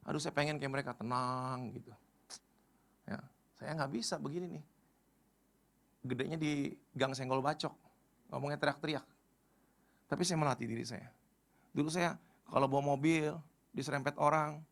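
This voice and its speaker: A middle-aged man preaching a casual sermon to young people, speaking. His voice sits fairly high and bright, with a gravelly rasp running through it. He swings between loud, urgent appeals and quiet, slangy storytelling. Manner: animated, swings from loud pleas to quiet asides; storytelling with colloquial Jakarta slang. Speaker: pastor. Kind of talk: casual sermon to a youth crowd.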